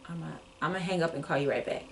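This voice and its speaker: A woman's voice: low voice, racing. A woman hosting a casual podcast chat, playful and giggly. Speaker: podcast host. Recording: distant mic with faint noise.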